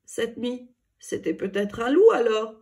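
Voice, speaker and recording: A woman's voice: mid-range voice, big pitch swings, unhurried, a little mellow, breathy edge, full character voice. A woman reading a storybook, voicing a timid, curious young boy with a small, anxious voice. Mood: fearful.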